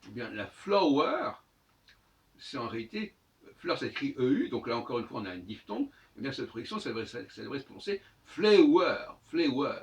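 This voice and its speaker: A man's voice: mid-range voice, big pitch swings, brisk. A man giving a spoken monologue lesson, teaching by repeating words over and over to sound them out. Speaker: lecturer on language and astrology. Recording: dull audio from a distant mic.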